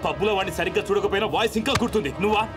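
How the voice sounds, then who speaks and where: An actor playing a suspicious, excitable man who makes agitated demands. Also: sits high, rapid-fire, lightly acted. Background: film score music.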